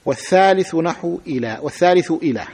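A man's voice: a little high, expressive, quick pace, a little mellow, husky. A sheikh teaching a grammar lesson, patiently repeating examples and asking his students to say them aloud. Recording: long hall reverb.

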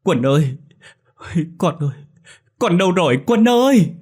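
A man voicing a frantic young mother who is calling loudly for her missing son. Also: fast talker, breathy edge. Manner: shrill calling out, panicked.

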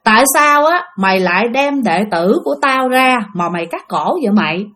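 A woman's voice: a little high, animated, fairly quick, a bit bright. Lady doing a furious duck spirit guy, threatening, voice jumps all over. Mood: menacing. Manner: threatening, scolding. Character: angry male duck spirit with grandfather's face.

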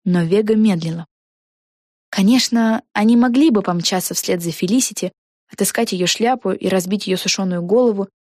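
A woman narrating a children's fantasy audiobook in a lively, expressive way. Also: medium pitch, moderate pace, dry recording, clean studio sound. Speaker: audiobook reader. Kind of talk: storybook narration.

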